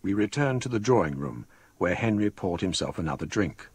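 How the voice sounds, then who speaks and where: A man acting a grave scholar who narrates a ghost story for radio drama in measured, literary phrases. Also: sits low, very animated, slight background noise. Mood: tense, narrating. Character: grave English scholar recounting a ghostly incident.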